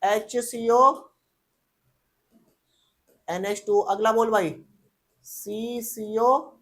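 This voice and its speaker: A man's voice: very high voice, steady tone, a little slow, fairly bright tone. A male teacher giving a casual chemistry lecture, quizzing the class over and over and answering himself in a slangy, teasing way.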